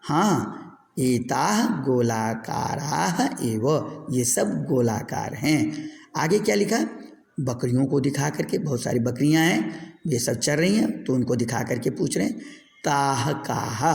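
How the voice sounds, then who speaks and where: Slow gravelly male Sanskrit teacher. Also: medium pitch, lively intonation, a little mellow. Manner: drills words, asks and answers his own questions. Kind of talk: recorded class lesson. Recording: echoey room with long reverb.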